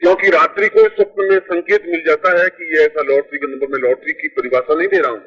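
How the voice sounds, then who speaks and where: A spiritual teacher's fast, slightly high, somewhat bright and husky voice keeps a fairly even intonation as he plainly and methodically instructs a ritual step by step, repeating points for emphasis. It comes from an old worn cassette, a dull lo-fi 1980s recording.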